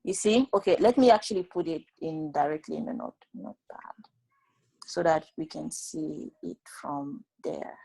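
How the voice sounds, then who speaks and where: A woman with a fairly low voice leads a study session, explaining each step of a database exercise. She keeps asking "right?" to check that her classmates follow, and she corrects mistakes bluntly. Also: animated, moderate pace, gravelly, mellow, breathy edge, rough recording. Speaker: student tutor leading a database class session.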